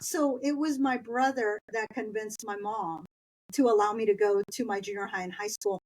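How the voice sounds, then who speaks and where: In a low-quality recording, a middle-aged woman from East Los Angeles with Spanish as her first language tells stories from school as an interview guest. Her mid-range voice is steady and darkish, at a moderate pace. The conversation is chatty and anecdotal, punctuated by her laughter.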